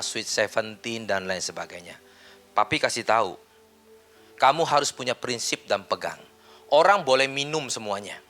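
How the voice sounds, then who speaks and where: A middle-aged male pastor preaching a sermon, telling family stories with animated delivery that swings from loud outbursts to quiet asides. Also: medium pitch.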